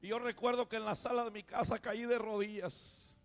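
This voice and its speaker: A middle-aged man, a pastor giving a fervent sermon testimony that rises to loud exclamations. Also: sits high, fairly even intonation, normal speed.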